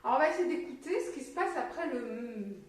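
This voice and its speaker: A woman teacher giving a slow, encouraging reading lesson to a young child, sounding out syllables clearly. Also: high voice, animated. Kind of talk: patient early-literacy lesson. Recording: very echoey room, mic at a distance.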